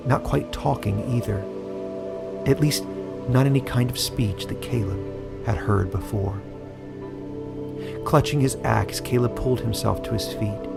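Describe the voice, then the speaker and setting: A man narrating a fantasy story from a script, in a measured, even storytelling manner. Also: mid-range voice, creaky.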